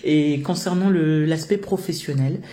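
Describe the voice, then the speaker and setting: A woman's voice: deep voice, a little slow, warm tone. A middle-aged woman from France answers interview questions about her work, earnest and hesitant, with many filler sounds. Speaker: founder of a social work business.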